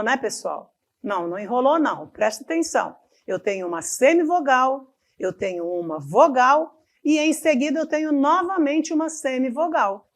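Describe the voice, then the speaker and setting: Slow, deliberate Brazilian woman teacher. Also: on the high side. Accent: Amazonas Brazilian Portuguese. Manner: slow and deliberate, stretching example words, checking in with "tá bom?". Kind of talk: recorded classroom lesson.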